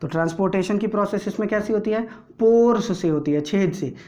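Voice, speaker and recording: A man's voice: high-pitched, a little mellow. Indian man teaching a board lesson. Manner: explains slowly, drawing as he speaks, keeps checking understanding. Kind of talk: board lesson for school students.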